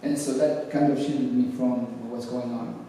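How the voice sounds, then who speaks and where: A man's voice: mid-range voice, fairly even intonation, warm tone, far from the mic, slight background noise. Thoughtful man in an echoey hall. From Guatemala. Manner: measured, thoughtful, with frequent hesitations. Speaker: featured speaker at a congregation. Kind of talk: answering an audience question.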